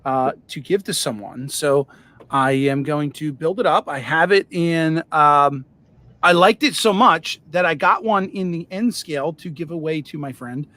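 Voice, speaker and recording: A man hosting a casual livestream about model railroading, talking in a relaxed, rambling way with plenty of fillers while he paints. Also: fairly high pitch, unhurried. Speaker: model railroad hobbyist host.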